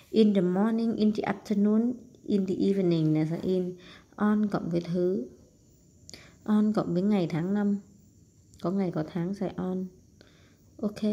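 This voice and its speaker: A woman with a mellow, darker voice talks through a lesson as she writes, dropping in little fillers. Her pace speeds up and slows down as she reads out words and explains. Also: medium pitch, gravelly, slightly rough. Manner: thinks aloud with many fillers, speeding and slowing. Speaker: English teacher. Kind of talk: casual lesson walkthrough while writing.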